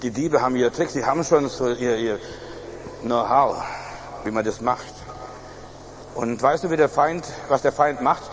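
A man's voice: medium pitch, normal speed, pauses often, a little hiss or hum. Emphatic male pastor in echoing hall. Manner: emphatic preaching with frequent fillers and restarts. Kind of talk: sermon. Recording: reverberant hall, faint ambience.

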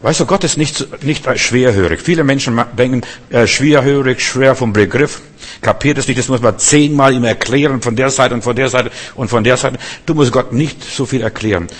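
A man preaching a conversational sermon, speaking to the listener directly and building to loud, emphatic outbursts. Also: medium pitch, normal speed. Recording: long reverb.

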